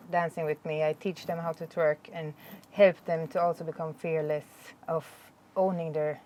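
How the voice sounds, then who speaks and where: A Swedish woman with a Swedish accent touched by Jamaican patois, answering interview questions in a chatty, animated way. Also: low-pitched, a little hiss or hum. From Sweden. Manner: chatty, laughs easily, animated storytelling. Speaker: dancehall artist.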